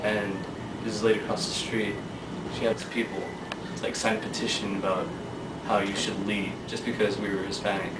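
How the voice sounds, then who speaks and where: Low-voiced teen boy, distant and echoey. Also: flat delivery, moderate pace, heavy background noise. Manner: casual, uses "like". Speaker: interviewee. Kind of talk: casual interview answers. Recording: distant mic, echoey room, loud music.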